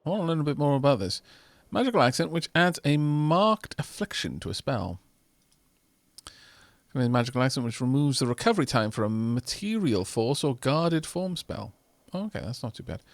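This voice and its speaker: Brief: male streamer, wry and chatty, with a lively, rising and falling voice. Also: mid-range voice, normal speed, no room sound. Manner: wry, reads game text aloud, mutters asides. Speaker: streamer playing a video game. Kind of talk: casual let's-play commentary.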